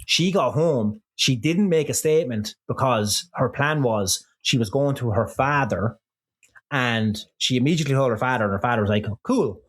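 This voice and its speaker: A man's voice: medium pitch, moderate pace. A man co-hosting a casual podcast, retelling a story in a rambling way, full of swearing and restarts. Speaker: podcast co-host.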